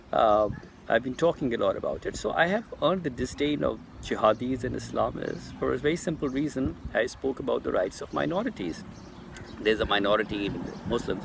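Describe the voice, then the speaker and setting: This is a Pakistani political commentator with a lowish, fry-tinged voice, addressing Americans head-on as he faces the camera. His monologue, in Pakistani English, is earnest and insistent, and background noise can be heard.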